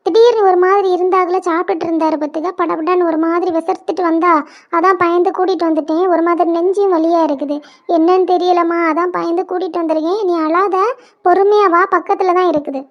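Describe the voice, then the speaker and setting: A soothing cartoon mother, put on by a woman, worried but gentle, talking quickly in a very high voice with a Kanyakumari Tamil accent. The sound is dull and lo-fi. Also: fairly even intonation. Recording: lo-fi dull audio.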